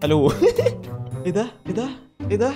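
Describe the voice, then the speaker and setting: A man's voice: sits high, lively intonation. A young man with an Egyptian Arabic accent, joking his way through follower questions in a casual vlog, with music playing behind him. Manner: joking, rapid-fire banter, reading questions aloud. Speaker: YouTuber answering follower questions. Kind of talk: casual comedic vlog chat.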